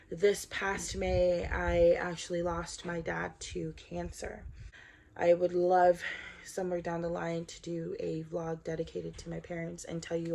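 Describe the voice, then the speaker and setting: A woman's voice: fairly low pitch, creaky. A woman in her twenties from Southern California, introducing herself in an earnest, upbeat scripted vlog. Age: 20s. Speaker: vlogger.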